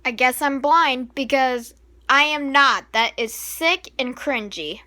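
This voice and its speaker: A woman's voice: high-pitched, takes it slowly, bright, forceful tone, a little hiss or hum. A woman cutting in with blunt, dismissive reaction comments.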